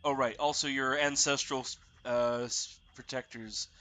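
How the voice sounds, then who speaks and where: A man running a tabletop roleplaying game as game master, narrating haltingly and piecing sentences together. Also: mid-range voice, steady tone, bright, forceful tone.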